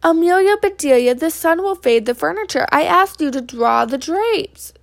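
A woman's voice: high voice, expressive, measured pace, creaky, a little mellow, exaggerated voice. A woman reading aloud, voicing a fussy woman of the house who exclaims in dismay.

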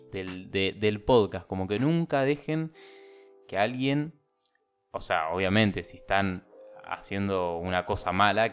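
A man with a Buenos Aires accent telling a story casually on a podcast, animated and acting out what people said. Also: deep voice. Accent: Argentine, Buenos Aires. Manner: animated, acts out the dialogue of people in his story. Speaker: podcast host.

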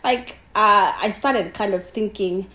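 A woman's voice: mid-range voice, slow, bright, forceful tone, poor audio. Chatty young Ugandan-born woman on a call. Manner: chatty, laughs often, many fillers. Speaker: interview guest, filmmaker. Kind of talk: casual conversational interview. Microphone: online call.

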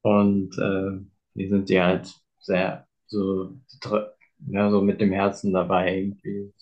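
A man's voice: low-pitched, monotone, takes it slowly, lo-fi sound. A man interviewing a guest in a casual, chatty way, asking loose, rambling questions full of fillers.

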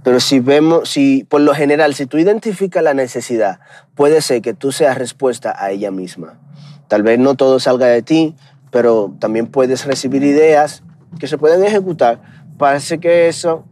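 A man's voice: medium pitch, moderate pace, a little mellow. A man with a Dominican accent hosting a podcast, speaking in an earnest, encouraging, conversational way. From Dominican Republic. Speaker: podcast host. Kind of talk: motivational podcast monologue.

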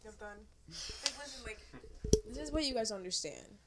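A young adult woman co-hosting a casual podcast, talking fast and loose, rambling and swearing freely. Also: on the high side, animated, over a noisy crowd. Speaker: podcast co-host.

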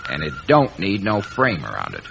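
A man's voice: low-pitched, wildly swooping pitch, moderate pace, creaky, loud music behind the voice, heavily acted. An actor playing a cool, menacing American gangster killer with slangy, taunting tough-guy talk in an old radio drama. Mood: cool menace. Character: cool, menacing gangster killer sweet-talking his frightened girl. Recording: noisy vintage radio recording.

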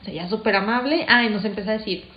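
A woman's voice: medium pitch, racing. A young woman with a Mexican accent, telling a story in casual, laughing chat. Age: young adult. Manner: animated, laughing, slangy. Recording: roomy, slightly dull recording.

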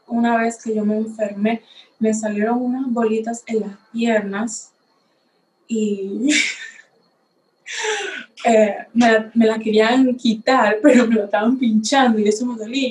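A woman's voice: fairly high pitch, darkish tone, roomy sound, poor audio. A nineteen-year-old woman from the Republic, hosting a podcast and giving a personal faith testimony in a reflective, slightly unsure way while facing a camera. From Dominican Republic. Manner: unhurried, reflective, a little unsure. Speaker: podcast host.

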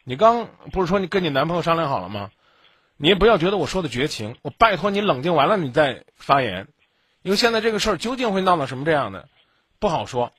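Radio advice host, male, dry studio sound, lectures sharply, bright voice. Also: on the high side, sing-song, fast, slightly rough, no room sound. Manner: blunt, lecturing, scolding. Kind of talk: late-night call-in advice.

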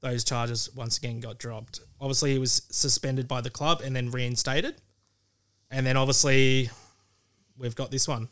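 Male podcast panellist, Australian accent, medium pitch, blunt and opinionated, conversational. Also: steady tone, moderate pace, a bit bright, clear, resonant tone. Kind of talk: casual opinionated chat.

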